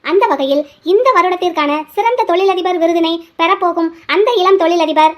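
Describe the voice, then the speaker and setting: A woman's voice: very high voice, a little fast, fairly bright tone. A woman voicing a formal stage announcer at a business awards event in a cartoon. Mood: ceremonious. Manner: formal, ceremonious delivery.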